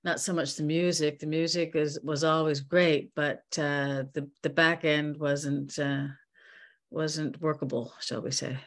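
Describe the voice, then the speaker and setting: A woman in her sixties, a musician from Newfoundland, talking candidly in a video-call interview, with halting restarts and fillers. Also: low-pitched, level tone. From Newfoundland, Canada. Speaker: musician guest. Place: bright home room by a window. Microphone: video call laptop mic.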